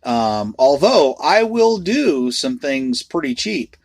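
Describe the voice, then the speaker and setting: A man's voice: mid-range voice, sing-song, slow pace, dry recording. A man, a freelance voice actor, chatting candidly in a rambling, self-deprecating way to his vlog audience. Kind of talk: casual vlog chat.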